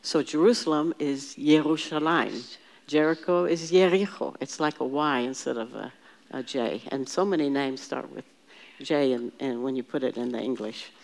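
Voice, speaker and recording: A woman's voice: a bass voice, normal speed, vocal fry. A woman teaching a Bible study group, patiently explaining words one at a time and having the class repeat them, often restarting her sentences as she thinks aloud.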